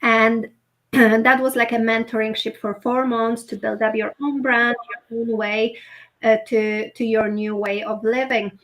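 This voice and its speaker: A woman in her thirties with a Polish accent talks in a casual interview, her voice sitting a little high. English is not her first language, so her phrasing is loose and she restarts her sentences often, but she keeps chatting openly and easily. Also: flat delivery, unhurried, a bit bright. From Poland. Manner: chatty and open, non-native phrasing with many restarts. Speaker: guest entrepreneur.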